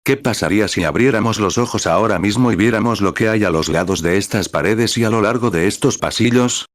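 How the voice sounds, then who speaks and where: A man's voice: lowish voice, fairly quick, no room sound. A man preaching a sermon in Spanish translation, with fervent exclamations and scripture readings.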